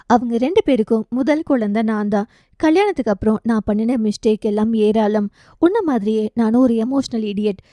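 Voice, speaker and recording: A woman narrates a romance novel as an audiobook. Her voice sits a little high with a mellow softness, and she reads in an expressive, conversational way, recorded dry and close. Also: dry recording.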